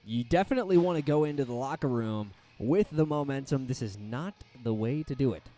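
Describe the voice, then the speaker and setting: Joking young hockey color commentator. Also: male voice, lively intonation, fairly quick, dark tone. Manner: playful, drops his voice low for asides.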